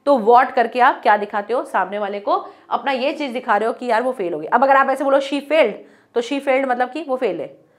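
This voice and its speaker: High-voiced woman teaching grammar. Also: brisk. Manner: acts out example exclamations with varied tone. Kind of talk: grammar lesson.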